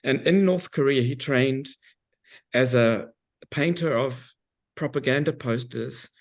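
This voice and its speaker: A man with a hoarse, froggy voice from a cold, informally explaining his research work in a hesitant, halting way. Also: mid-range voice. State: losing his voice with a cold, clearing his throat. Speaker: academic researcher. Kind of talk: informal account of work to a group.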